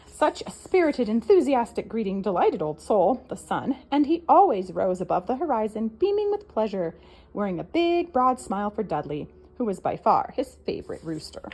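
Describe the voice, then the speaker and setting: A woman reading a children's picture book aloud, expressive and animated. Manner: expressive, with wide swings in pitch. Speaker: storybook reader.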